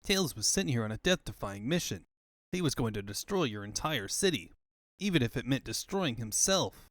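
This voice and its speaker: A man performs a young heroic cartoon hedgehog. He sounds cocky and brisk, with very animated intonation. The recording is dry and close. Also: mid-range voice, no echo. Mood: confident. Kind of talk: comic book fan dub.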